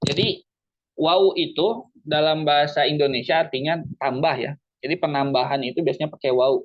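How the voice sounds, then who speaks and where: Guy teaching tajweed online, kinda high voice, repeats stuff a lot, sound a bit dull. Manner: explains patiently, repeats phrases, chants Arabic examples slowly. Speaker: Quran recitation teacher.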